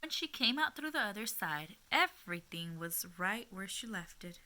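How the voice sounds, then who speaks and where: Her voice medium in pitch, a woman reads a story aloud for little children, animated and tuned to them, often pausing to talk to her listeners.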